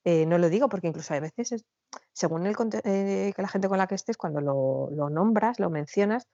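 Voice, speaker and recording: Lively woman chatting, dull dry sound. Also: medium pitch, normal speed, no room sound. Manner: animated storyteller, acts out quoted dialogue. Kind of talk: casual chat. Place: Spain, back from living in France.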